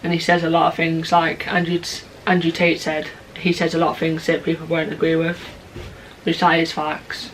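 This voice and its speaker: Flat-toned young British woman, chavvy accent. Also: sits low, normal speed, slight background noise, poor audio. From Britain. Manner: slangy, informal speech. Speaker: reaction video host. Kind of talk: casual reaction chat.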